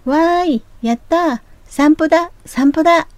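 A woman's voice: high-pitched, a little slow, a little mellow, no room sound, pitched above the performer's own voice. A woman voicing a cheerful, curious young boy dragonfly in a storybook reading, with a childlike, eager manner. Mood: excited.

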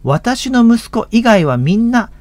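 A man putting on a proud loud-mouthed mother. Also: extremely high pitch, big pitch swings, slow, dry recording, pitched above the performer's own voice, heavily acted. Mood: boastful. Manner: loud, showy calling out to the crowd. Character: boastful proud mother at a school sports day.

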